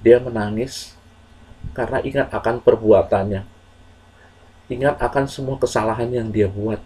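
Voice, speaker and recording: A man telling a moral story to children in a slow, earnest, measured way with pauses. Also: medium pitch, fairly even intonation, mellow, husky, low-quality recording.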